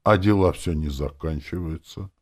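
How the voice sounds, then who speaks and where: A man voicing a meek, mournful undead cab driver with a hoarse, nasal voice. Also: rumbling low, moderate pace, darkish tone. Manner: mournful, servile.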